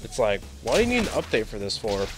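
A young man giving live let's play commentary, sarcastic and rambling, reacting loudly to glitches. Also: on the low side, huge pitch swings, quick pace, music in the background. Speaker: gaming commentator.

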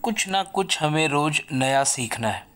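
A man's voice: on the high side, expressive, a little slow, fairly bright tone. A man with an Indian English accent teaching a recorded online lesson to children, explaining each point patiently in Hindi and English.

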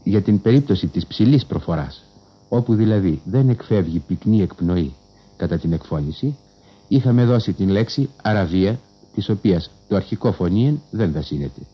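A man with a very deep voice gives a formal scholarly talk over the radio, choosing each word with measured, precise care. His phrasing is learned and old-fashioned. The sound is dull and lo-fi, like a 1960s broadcast archive. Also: lively intonation, husky. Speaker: radio lecturer.

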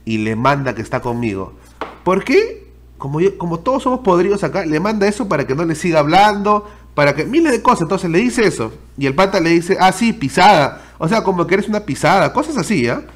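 A young Peruvian man streaming, telling his viewers a story straight to camera. His voice sits a little high and swings widely up and down as he rants. He is loose, slangy and full of swearing. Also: brisk. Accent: Peruvian Spanish. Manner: animated, slangy and profane, addresses viewers directly.

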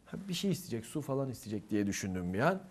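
In a relaxed interview, a young eastern Turkish man who instructs a theatre club rattles off animated stories at a rapid clip. He acts out each bit of dialogue, his loudness rising and falling. His pitch is fairly low.

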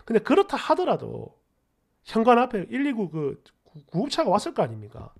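A man hosting a story channel, reading online posts and comments aloud with animated, mocking commentary. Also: high voice, moderate pace, vocal fry, breathy edge.

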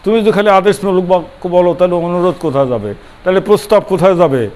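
A man's voice: high voice, fast talker, a little mellow. An older man, a former college principal, giving a grammar lecture to students, stressing words, repeating them and sounding them out syllable by syllable. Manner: emphatic, repeats key words, breaks words into syllables; asks students questions and answers them himself. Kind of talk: classroom lecture.

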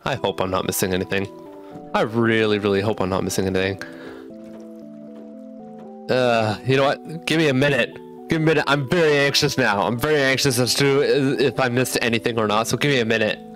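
A gamer and channel host provides let's-play commentary over game music, sounding nervous and anxious and repeating himself as he plays. His voice is medium in pitch, fairly bright, steady in tone, and fairly quick.

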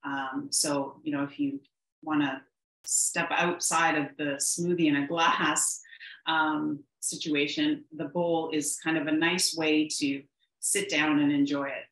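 A woman's voice: deep voice, little pitch movement, slow pace, a bit bright. A woman presenting a live cooking demo from her home kitchen, chatty and upbeat with frequent ums. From Canada. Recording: roomy kitchen echo.

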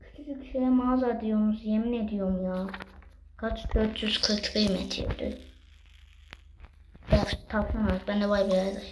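A young woman giving chatty, excitable commentary while playing a game and talking to her viewers. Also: mid-range voice, measured pace, long pauses. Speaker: gaming youtuber. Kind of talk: casual gameplay commentary. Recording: echoey room with background noise.

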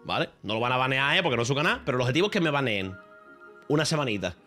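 A man with a Spain Spanish accent rambles casually to his livestream audience. He jokes and speaks sarcastically, swearing often, in an ordinary mid-pitched voice. Faint music plays behind him. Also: animated, racing, bright, forceful tone. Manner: joking, sarcastic, heavy swearing. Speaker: streamer.

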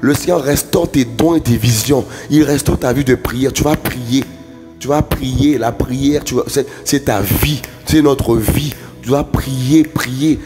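A man's voice: mid-range voice, unhurried. Male preacher, fervent, chanting repetition, long reverb, faint worship music. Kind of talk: prophetic worship exhortation. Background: soft worship music.

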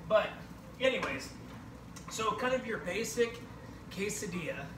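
A man's voice: sits high, lively intonation, a little slow. A man in his forties hosting a home cooking show, joking and rambling as he cooks, saying "okay" again and again. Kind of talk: casual cooking demonstration. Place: home kitchen, indoors. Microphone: camera across the room. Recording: echoey kitchen, distant camera mic, noisy.

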